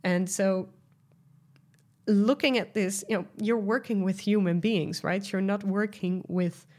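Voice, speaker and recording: Speaking at a measured pace, a Dutch-accented woman with a medium, steady and somewhat mellow voice runs a one-person podcast. As a sales coach, she shares selling tips chattily and with enthusiasm, with frequent fillers and restarts.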